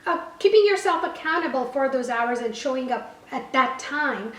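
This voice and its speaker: Her high-pitched voice is animated and moderately paced, with a little hiss or hum, in an echoey room a bit away from the mic. She's a Gujarati-first-language online language teacher and business owner talking casually to camera, often saying "you know" and correcting herself.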